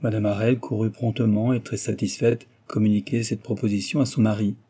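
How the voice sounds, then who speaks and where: A man narrating a classic novel as an audiobook in a steady, even storytelling manner, with a husky voice. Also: lowish voice, brisk. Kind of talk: scripted literary narration.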